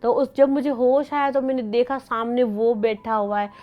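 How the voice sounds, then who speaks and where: A woman's voice: fairly high pitch, normal speed, phone-quality sound. A young woman, an interview guest, giving an emotional personal account and acting out both sides of the dialogue as she tells it.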